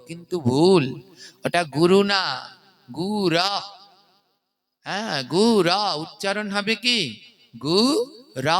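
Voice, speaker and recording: Male devotional preacher, Bengali accent, unhurried and emphatic, bright tone. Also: high-pitched. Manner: teaching, emphatic, chanting verses slowly. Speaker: kirtan preacher. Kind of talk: devotional sermon.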